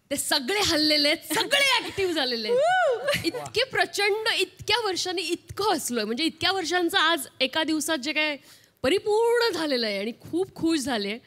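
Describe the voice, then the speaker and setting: Brief: high female voice, effusive guest reaction. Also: very animated, normal speed, pushed and bright. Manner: effusive, delighted.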